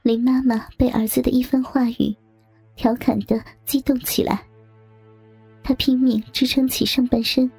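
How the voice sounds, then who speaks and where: Female narrator, soft breathy half-whispered story reading, slightly high voice, faint music behind. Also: flat delivery, moderate pace. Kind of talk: scripted audio story narration.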